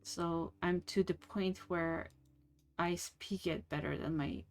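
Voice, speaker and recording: While streaming a game, a young native French speaker rambles in a casual, slow way, full of fillers and restarts. She has a lowish voice with fairly even intonation, and soft music plays behind her.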